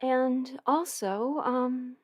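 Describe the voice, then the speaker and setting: Speaking extremely slowly in a high, slightly mellow voice, an audio performer chats casually on a livestream, rambling and muttering to herself while fiddling with settings. She's alone at home, and her studio mic through an audio interface yields studio quality with no echo.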